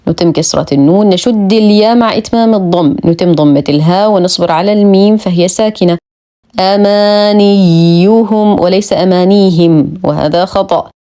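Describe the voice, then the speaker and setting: A woman teaching Quran recitation rules, explaining each rule and then reciting words slowly and precisely. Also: mid-range voice, warm tone. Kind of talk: tajweed lesson, explaining rules between slow recited words.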